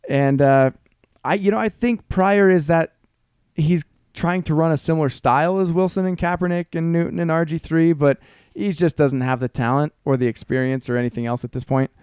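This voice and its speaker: A man co-hosting a casual sports podcast, chatting quickly through football analysis. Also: a little high, a little mellow, smooth, no echo, studio quality. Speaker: podcast co-host.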